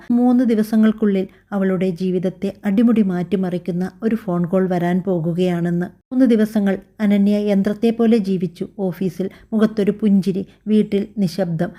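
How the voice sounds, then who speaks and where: A woman narrating a family drama story in a calm, measured storytelling manner. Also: medium pitch.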